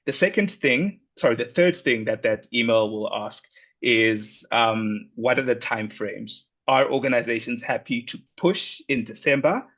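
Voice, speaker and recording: A man wraps up a webinar over a video call. He sounds earnest and apologetic, pausing and restarting as he goes, at an ordinary pitch for a man. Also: a bit bright. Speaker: webinar host. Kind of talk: closing remarks on a video call.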